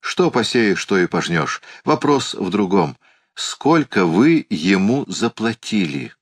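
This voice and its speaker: A man voicing a bold, mocking Highland swordsman in an audiobook, blunt and scornful as he bargains. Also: animated, slow, creaky, slightly rough, full character voice. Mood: bullying. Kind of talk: audiobook character reading.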